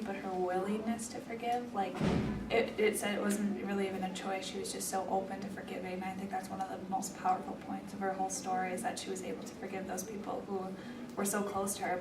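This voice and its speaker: A teenage girl speaks in a thoughtful, measured way, with little rise and fall in her voice. The audio is roomy and distant, with clear background noise. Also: medium pitch. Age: teens. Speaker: student. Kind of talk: interview reaction.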